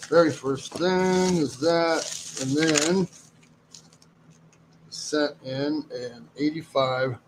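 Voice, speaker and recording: Speaking extremely slowly with long pauses, a man with a slightly high voice hosts a live-streamed silver auction. He greets viewers and rambles casually over the items, and the rough recording carries slight background noise.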